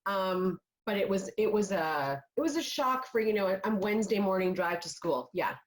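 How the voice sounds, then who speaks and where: A woman's voice: medium pitch, animated, moderate pace, rough recording. A woman on a video call, telling a parenting story earnestly and quoting her own words at length. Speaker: panelist parent. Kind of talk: virtual panel discussion.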